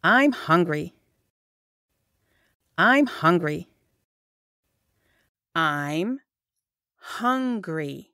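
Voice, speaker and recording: Woman English teacher, very slow drilling, word by word, lively rising and falling pitch, dry close sound. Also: dry recording. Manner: says each phrase whole, then word by word. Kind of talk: slow repeated phrase drilling.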